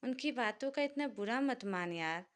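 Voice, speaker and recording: A calm young wife gently placates her upset friend in a storybook narration, as a woman reads her part. She sounds even and reassuring. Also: on the high side, normal speed, voice pushed up, natural voice. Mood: soothing. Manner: soothing, placating.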